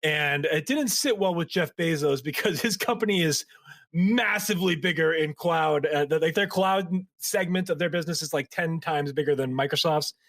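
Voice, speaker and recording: A chatty male podcast co-host with a fairly high voice, rambling through the news with lots of likes and easy laughter. His voice is recorded dry and close, with no room sound around it. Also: normal speed, fairly bright tone, no echo. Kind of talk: casual chat.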